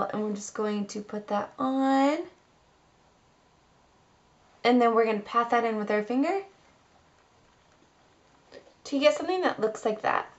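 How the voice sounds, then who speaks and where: A woman in her twenties, a beauty vlogger, chats informally through a makeup tutorial at home in a small room. Her voice is a little high, and the camera-mic recording comes out muffled.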